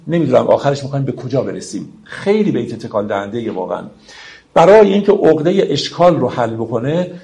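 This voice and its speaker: Man slowly teaching classical poetry. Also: on the high side, warm tone. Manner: explains slowly, recites verse, addresses friends. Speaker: lecturer on poetry. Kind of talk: reflective literary lecture.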